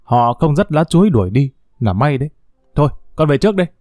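A man's voice: on the high side, very animated, fast, darkish tone, no room sound, clean studio sound, soft background music. A man voicing a brash, flippant young man who lazes about. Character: cocky idle young man, lazy son.

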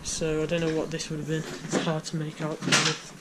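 A teenage boy talks loosely through an abandoned building, peppering his speech with "like" and "guys". His voice sits fairly high but barely moves in pitch. Loud noise from the camera and the site runs under him. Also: completely flat delivery, fast talker. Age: teens. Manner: loose, filler-heavy commentary with many "like" and "guys". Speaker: urban explorer vlogger. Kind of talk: casual walkthrough narration. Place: abandoned building, indoors and outdoors.

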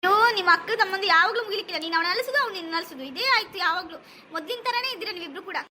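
A woman's voice: extremely high pitch, lively intonation, rapid-fire, bright, forceful tone, a little hiss or hum, heavily acted. A woman voicing a chatty, reassuring yet bossy girl, the visiting friend in a cartoon skit.

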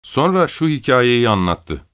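A man narrates an audiobook in a mid-range voice. His reading is measured and scripted, paced like a storyteller. He lifts his voice slightly when quoting the characters. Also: medium pitch, very animated, a bit bright, smooth.

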